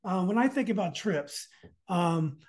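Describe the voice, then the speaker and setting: A man's voice: high-pitched, lively intonation, measured pace, a little mellow. A man hosting a casual podcast interview, hesitant and often searching for his words.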